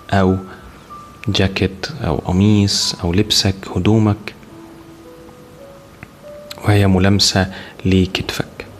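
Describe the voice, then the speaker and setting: An Egyptian-accented man leads a guided body scan over clearly audible music. His voice sits on the low side. He gives short, calm instructions in a soothing, unhurried way, with long pauses between them. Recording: music behind the voice. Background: clear background music.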